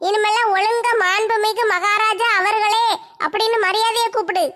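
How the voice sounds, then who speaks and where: A woman plays a possessed villager in a comedy skit who struts as a self-crowned king. She drags her words out slowly and pompously. The voice sits very high. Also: fairly even intonation, a bit bright. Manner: slow, pompous, demanding.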